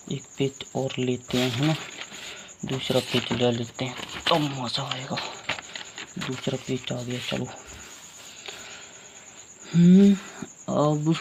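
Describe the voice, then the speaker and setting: A man's voice: medium pitch, creaky, darkish tone, a little hiss or hum. A male teacher giving a casual grammar lesson, asking his own questions and answering them, and sometimes correcting his slips.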